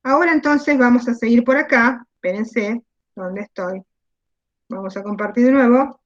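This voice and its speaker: A woman's voice: fairly high pitch, moderate pace. A woman teacher with an Argentine Spanish accent giving an online class, asking questions and repeating key words. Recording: dull lo-fi video call audio.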